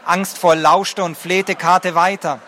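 A man reading a fantasy novel aloud as narrator, in a measured and expressive way. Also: high voice, a little hiss or hum. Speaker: audiobook narrator.

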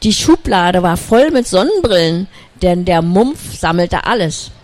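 A storyteller reading a children's story aloud in a calm, unhurried way, with small slips. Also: mid-range voice.

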